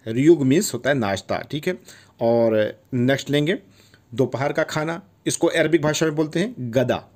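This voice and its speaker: A man's voice: medium pitch, normal speed, darkish tone. Man teaching words, repeating each one. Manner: repeats each word, checks in with "theek hai". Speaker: language teacher. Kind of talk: casual video lesson.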